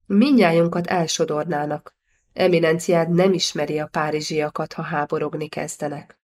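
An anxious city magistrate begs his superior in an urgent, pleading voice, as a woman reading a storybook plays him. Her tone sits a little low. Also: steady tone, darkish tone, recorded from a distance, lightly acted.

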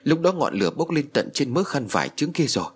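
A man's voice: on the high side, very animated, fast talker, breathy edge, pitched above the performer's own voice. A man voicing a grieving middle-aged woman who wails and pleads. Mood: anxious. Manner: wailing, pleading.

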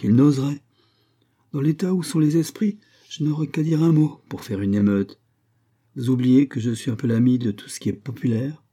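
Guy reading as a mocking grand mystic plotter, husky dark voice, pitch raised, big ironic swings. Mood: scornful. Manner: emphatic, sweeping, ironic declaiming. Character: grandiose, mocking older male mystic conspirator. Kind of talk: audiobook reading.

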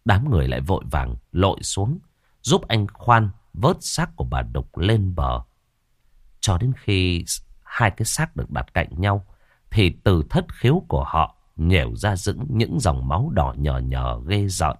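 A man narrating a horror story in a dramatic, expressive way. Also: sits low, unhurried, dry recording, studio quality.

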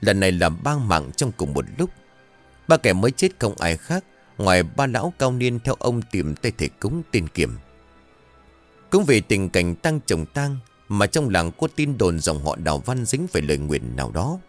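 A man narrating a ghost story in a dramatic, expressive storytelling manner. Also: sits low, normal speed, faint music behind.

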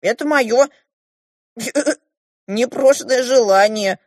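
A woman voicing a nosy, cheeky male dwarf servant in an audiobook, speaking in a pert, teasing, higher voice. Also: slow, a little mellow, no room sound, studio quality.

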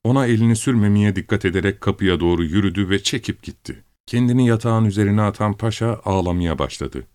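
Low-voiced man reading a story. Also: clear, resonant tone, dry recording, studio quality. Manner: steady measured narration. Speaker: narrator.

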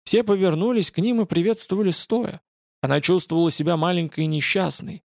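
Male narrator, gravelly and measured, dead-dry studio sound. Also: sits high, no echo. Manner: measured, dramatic reading. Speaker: audiobook narrator. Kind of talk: scripted narration.

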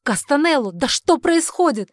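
A woman's voice: medium pitch, normal speed, a little mellow, no echo, studio quality, close to an everyday voice. A woman voicing a brash, sardonic young nobleman in an audiobook. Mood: indignant. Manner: indignant and sardonic. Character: brash wry young male lord, nobleman.

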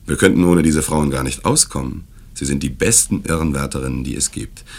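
Suave asylum-director host, evasive and insistent, very deep gravelly voice, as a male reader puts him on. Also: fairly quick, a little mellow, heavily acted. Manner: smooth, insistent, courteous yet brusque when crossed. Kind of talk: dramatic reading of a classic tale.

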